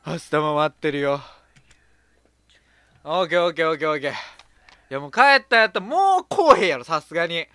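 A woman's voice: low voice, expressive, brisk, pauses often, a bit bright, no room sound. A woman with a Kansai accent giving casual horror game commentary as a streamer, full of blunt, mouthy asides. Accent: Kansai Japanese. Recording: music behind the voice.

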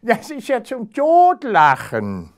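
Guy putting on a snooty hare from a storybook, high and sneery, laughs at everyone, pitch jumps all over. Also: huge pitch swings, slow, full character voice. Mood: mocking. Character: haughty mocking male hare.

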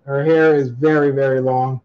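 A man's voice: mid-range voice, level tone, normal speed. A man hosting a coin auction livestream in casual chat, upbeat, reading chat comments aloud and laughing often. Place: indoor room at a table with coins, voice off camera. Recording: slightly dull lo-fi webcam audio.

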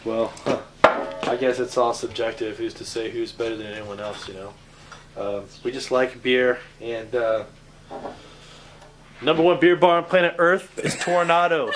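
A middle-aged man, a beer bar owner, chatting enthusiastically and laughing often while giving a tour of his basement cellar. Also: mid-range voice. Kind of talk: casual chat. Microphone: on-camera mic of a handheld camcorder. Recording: noisy camcorder audio.

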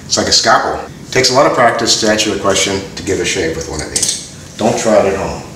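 A man's voice: lowish voice, animated, quick pace, background noise. An older man, a master barber, confidently explaining shaving while he works in a large barber shop. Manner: confident, instructive. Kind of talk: explaining his craft. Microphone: far camera mic. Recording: echoey room, far from mic.

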